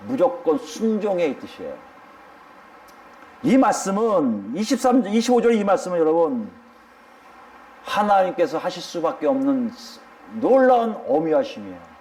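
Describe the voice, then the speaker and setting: High, lively-voiced male preacher. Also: moderate pace, long pauses. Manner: emphatic, addresses the congregation directly. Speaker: pastor. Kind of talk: sermon.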